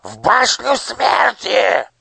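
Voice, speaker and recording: A squealing villainous minister. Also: male voice, animated, unhurried, gravelly, exaggerated voice. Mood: shrieking rage. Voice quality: squeaky, piercing, screeching. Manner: shouting, spitting with rage. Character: shrill, cruel male minister villain.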